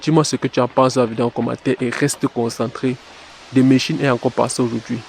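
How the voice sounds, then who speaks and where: A man's voice: medium pitch, level tone, fast, gravelly, darkish tone, a little hiss or hum. A man giving blunt dating advice straight to the listener, calling him "bro" and repeating a catchphrase. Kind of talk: direct-to-camera advice monologue.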